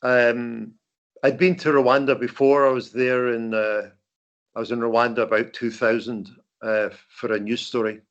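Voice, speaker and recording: An older man with a broad Scottish accent giving an informal talk as a veteran journalist, halting and repeating words. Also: medium pitch, level tone. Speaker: veteran journalist, guest speaker. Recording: dull lo-fi call audio.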